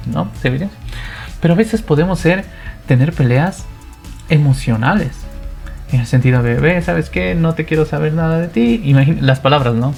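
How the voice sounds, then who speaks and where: Guy explaining bible stuff casually, lively, lots of rhetorical questions, soft music behind. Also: mid-range voice. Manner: animated, asks rhetorical questions and acts out quoted speech. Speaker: Bible teacher. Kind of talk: casual Bible study talk.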